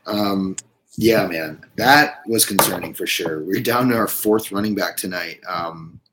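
A man's voice: low-pitched, unhurried, noisy background. A man co-hosting a casual sports podcast, rambling loosely with lots of fillers. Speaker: podcast co-host.

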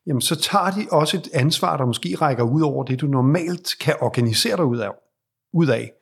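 A man's voice: a little high, vocal fry, breathy edge. A man working as a leadership advisor, explaining at length in a reflective, conversational way with frequent restarts. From Denmark. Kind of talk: conversational advice in interview.

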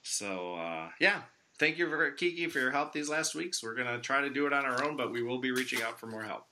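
American guy hosting a podcast, really bright voice, jokey casual chat. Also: mid-range voice, lively intonation, fairly quick. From Chicago, United States. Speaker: podcast host.

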